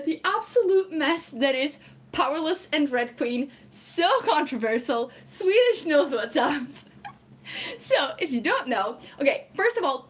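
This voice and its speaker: Her voice is high-pitched with a fairly bright tone. She's a young woman from Portugal chatting casually in English, her second language, on a stream, and she reads comments, laughs a lot and fills her talk with "like."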